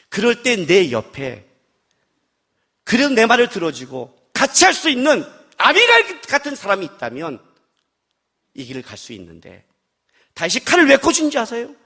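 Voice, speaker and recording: Animated pastor, high lively voice. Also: male voice. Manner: animated storytelling, acting out his wife's replies. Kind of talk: expository sermon. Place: worship service hall.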